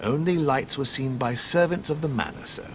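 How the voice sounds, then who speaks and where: Voicing an obsequious manor servant for a video game cutscene, a man keeps his tone formal, careful and reassuring, referring to the listener in the third person. His delivery is animated and moderately paced, close to an everyday voice, over constant rumbling background noise.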